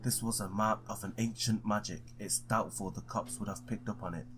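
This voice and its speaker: Over music, a gamer with a lowish voice reads visual novel text aloud a little fast, with fairly even intonation. He adds informal asides in this let's play and occasionally stumbles on the words.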